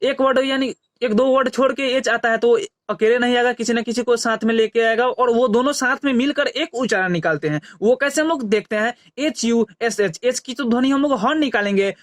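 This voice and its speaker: Very high male voice, patient phonics teacher who spells words out slowly, dry close recording. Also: no room sound. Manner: repeats questions and answers. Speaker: English teacher. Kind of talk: phonics lesson.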